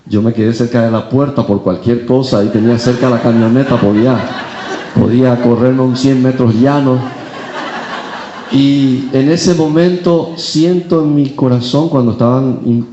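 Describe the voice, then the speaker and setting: A man's voice: mid-range voice, dark tone. A middle-aged man preaching a sermon with personal testimony, telling stories with humor and acting out the voices of people he quotes. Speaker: preacher at a charismatic renewal gathering. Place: large hall at a national gathering. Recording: echoey hall, dull sound.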